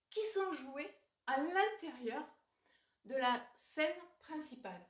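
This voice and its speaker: A woman gives a clear, didactic literature lesson, speaking directly to her viewers and building each point on an example. Her voice sits high. The recording has a noticeable roomy echo. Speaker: French literature teacher. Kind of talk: explanatory lesson.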